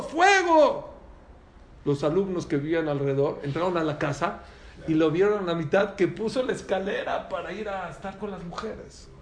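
A man's voice: on the high side, reverberant, slight background noise. A man teaching a religious lesson to a live audience, telling stories animatedly and questioning his listeners.

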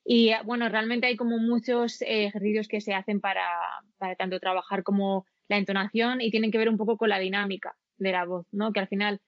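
A woman talks through her views with many fillers and restarts. Her voice sits at a middle pitch. The sound is dry and somewhat dull and lo-fi. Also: level tone, a little fast, hardly any pauses, dry recording. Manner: thoughtful, hesitant with many fillers. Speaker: interviewee, voice-acting student. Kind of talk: conversational interview.

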